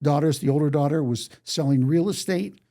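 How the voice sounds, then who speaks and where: His voice is a little high and warm, and he talks fairly quickly. The speaker, a songwriter and storyteller in his eighties, is an interview guest who recounts his life conversationally and quotes exchanges he remembers.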